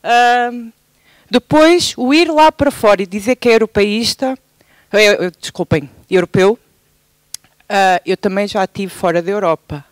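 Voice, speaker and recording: A woman's voice: mid-range voice, measured pace, no room sound. Portuguese algarve woman in the audience, stumbling and restarting, dry sound. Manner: hesitant, many restarts and fillers. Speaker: audience member. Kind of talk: spontaneous question from the audience. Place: theatre hall.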